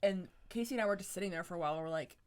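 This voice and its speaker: A woman's voice: fairly low pitch, rapid-fire, slight background noise. A woman co-hosting a podcast, chatting casually, laughing often and quoting friends. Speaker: podcast co-host. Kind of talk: casual chat among friends.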